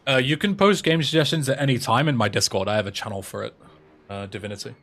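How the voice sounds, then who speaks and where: Chatting casually with his livestream audience, a speedrunner and streamer in his twenties answers viewer messages out loud. He's from England, with an English accent and a fairly bright, medium-pitched voice at a quick pace.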